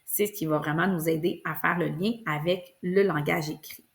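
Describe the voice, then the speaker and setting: Patient preschool teacher, low-pitched. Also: female voice, fairly even intonation, normal speed. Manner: patient, explanatory, stretches out sounds in words for demonstration. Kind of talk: instructional video for parents.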